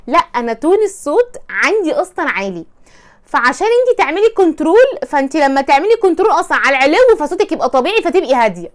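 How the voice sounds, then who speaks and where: A woman with an Egyptian accent talks fast in a high voice, giving casual advice. She is chatty and keeps slipping into playful mock voices to act out small scenes. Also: sing-song. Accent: Egyptian Arabic. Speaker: advice presenter.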